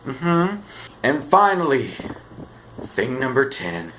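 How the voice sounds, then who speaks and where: A teenage boy making a comedic vlog, animated and self-mocking, swinging between loud bursts and mumbled asides. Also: mid-range voice, slow, background noise. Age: teens. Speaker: vlogger. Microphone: camera on a shaky stand.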